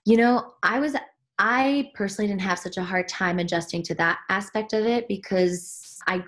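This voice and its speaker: A woman from Switzerland, a spiritual teacher, reflects on her path as a podcast guest, her medium-pitched voice fairly bright and at normal speed. She speaks with earnestness and often begins sentences again as she finds her words.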